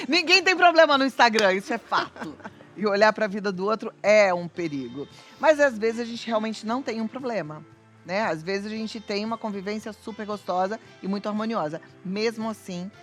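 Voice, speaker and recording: A woman with a Brazilian accent hosting a talk show, asking the guest and the audience questions in a chatty way. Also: mid-range voice. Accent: Brazilian Portuguese. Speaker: TV show host.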